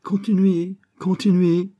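A man's voice: mid-range voice, normal speed, mellow, husky, voice pushed up, natural voice. A man voicing a menacing male crook with an English accent, sarcastic and threatening, in an audiobook. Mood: mocking.

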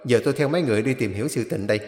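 A man's voice: medium pitch, rapid-fire, darkish tone, roomy sound, long reverb tail, natural voice. A man voicing a brash, boastful young male spirit from the underworld in a ghost story. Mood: cocky.

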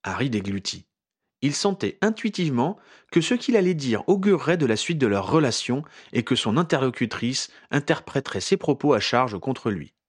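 A man narrating a fan fiction story aloud in an expressive, dramatic reading style. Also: mid-range voice, moderate pace, husky.

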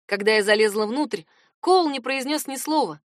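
A woman reading a novel aloud in first person as an audiobook narrator, with measured, wry storytelling. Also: a little high, no echo, studio quality.

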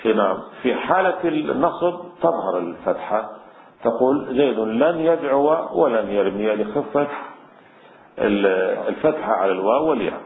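A man's voice: mid-range voice, lively intonation, moderate pace, creaky. A man teaching classical Arabic grammar, explaining patiently step by step with many fillers. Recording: echoey room on a tinny lo-fi line.

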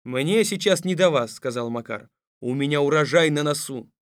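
An actor playing a stern, weary fairy-tale tsar in an audiobook radio play, speaking gruffly and with command. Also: male voice, on the high side, animated, moderate pace, dry recording, clean studio sound, close to an everyday voice.

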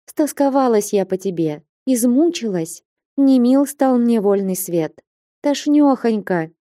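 A woman voicing a proud, passionate young peasant woman in an audiobook, sharp and reproachful. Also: on the high side, animated, measured pace, dry recording, clean studio sound, voice pushed up. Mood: pleading. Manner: tearful pleading turning to fierce scolding.

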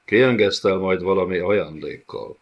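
A man's voice: low-pitched, lightly acted. A man voicing a cruel, clawed male monster lord who hisses and thunders his words in a scornful, domineering way, in a dull lo-fi audiobook recording. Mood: menacing. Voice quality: hissing, thundering.

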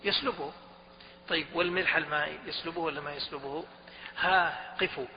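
A man's voice: a little high, fairly even intonation, brisk. A man giving a lecture on Islamic jurisprudence, who quizzes the students often and repeats his points. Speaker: religious studies teacher. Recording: dull recording with a long hall reverb and faint hum.

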